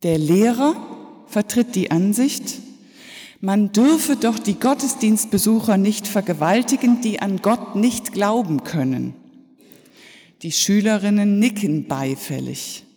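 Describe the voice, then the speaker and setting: Woman, pastor, sermon, unhurried, reflective pauses, reverberant church. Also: medium pitch, lively intonation, mellow, slightly rough. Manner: slow, reflective storytelling with pauses. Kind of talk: Easter sermon.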